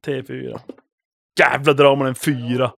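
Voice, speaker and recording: A man's voice: mid-range voice, little pitch movement, vocal fry, fairly bright tone, no room sound, clean studio sound. A man playing a tabletop game, talking casually and joking. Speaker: player.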